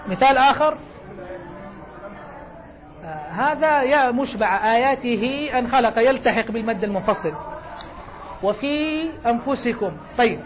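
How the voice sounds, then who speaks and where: A man teaching Quran recitation to a circle of students, quizzing them with short questions and reciting example verses slowly. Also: very high-pitched. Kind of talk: classroom lesson explaining a didactic poem. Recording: dull lo-fi class recording.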